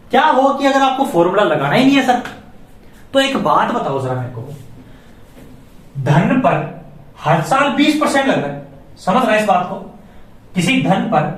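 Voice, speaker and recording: A man teaching a maths lesson, putting questions to the class and then answering them himself. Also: high voice. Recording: echoey room, voice from far off.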